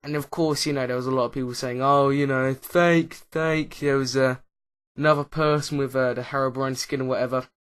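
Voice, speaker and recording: Guy doing a minecraft vlog, lots of ums and uhs, kinda rambles and restarts, average pitch. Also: flat delivery, fast. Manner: hesitant, lots of uh and um fillers; rambling, loses track mid-sentence. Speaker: YouTuber, Minecraft Let's Player. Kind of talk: casual commentary over gameplay.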